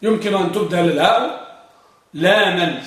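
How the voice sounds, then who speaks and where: A man teaching Arabic grammar to a class, quizzing students by name and drawing out example words slowly. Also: sits high. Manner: drills students with repeated questions, drawn-out examples. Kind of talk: classroom lesson, questioning students. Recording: very echoey room, mic far off.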